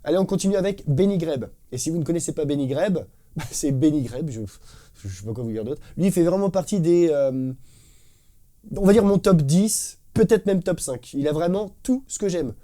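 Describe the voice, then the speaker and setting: A man's voice: on the high side, animated, moderate pace, warm tone. A man teaching a casual drum lesson, enthusiastic and slangy, imitating drum fills with spoken syllables. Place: drum studio. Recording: drum music playing behind the voice.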